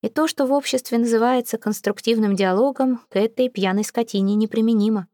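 A woman's voice: fairly high pitch, a little fast, warm tone, no room sound, studio quality. Woman narrating an audiobook.

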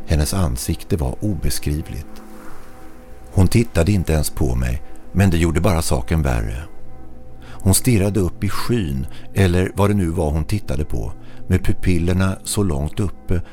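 A man with a very low, dark voice reads a scripted horror story in the first person. His delivery is steady and measured. Faint music plays underneath. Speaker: narrator.

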